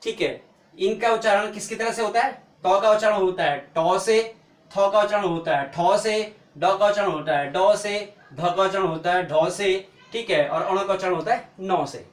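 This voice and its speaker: A man teaching the alphabet, spelling out each letter slowly and answering his own questions as he explains. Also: high-pitched, reverberant. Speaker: language teacher. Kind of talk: explaining lesson.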